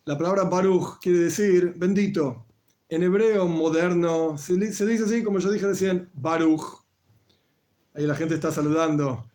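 A man giving a live-streamed explanatory talk as a religious teacher, measured and patient, with frequent restarts. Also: fairly high pitch, darkish tone.

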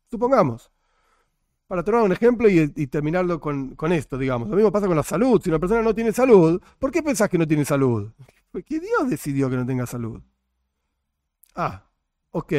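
A man's voice: on the high side, a little mellow, no echo, studio quality. A man teaching a religion class, full of rhetorical questions and jokey asides. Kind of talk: classroom lecture.

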